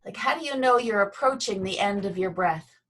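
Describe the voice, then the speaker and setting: A woman teaching a Feldenkrais class over a video call, speaking gently and unhurriedly with pauses and fillers. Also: medium pitch, animated, distant mic. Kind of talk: guided movement lesson over video call.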